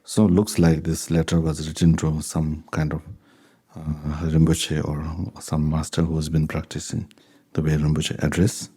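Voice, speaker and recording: In a low, husky, monotone voice that is also mellow, a Tibetan-accented Buddhist teacher leads a dharma talk followed by Q&A. His first language is Tibetan, and he talks unhurriedly, chuckling through his anecdotes in a conversational way.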